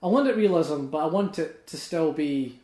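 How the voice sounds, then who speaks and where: Young man, podcast host, high-pitched, excitable ranting, swears a lot, echoey room. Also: moderate pace. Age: young adult. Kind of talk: casual chat.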